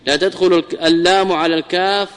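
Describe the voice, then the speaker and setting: A male teacher gives a traditional grammar lecture, repeating phrases and drilling examples slowly. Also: high-pitched, steady tone, clear, resonant tone, big-room sound.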